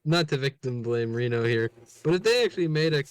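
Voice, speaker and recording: A man's voice: medium pitch, fast talker, clean tone, dry recording. A man playing in a tabletop game, chatting casually and joking with the group. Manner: joking, animated banter. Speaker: player. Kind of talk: casual chat.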